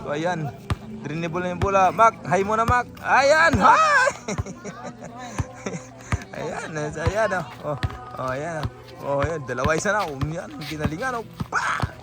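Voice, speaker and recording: A woman vlogging excited play-by-play of a neighborhood basketball game, breathless, calling out plays and teasing the players. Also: low-pitched, measured pace, loud music behind the voice.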